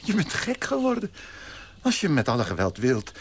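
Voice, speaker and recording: A man playing a pompous, prim young gentleman in a radio play, turning indignant and shrill when shocked. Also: very animated, normal speed, a little hiss or hum. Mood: fussy.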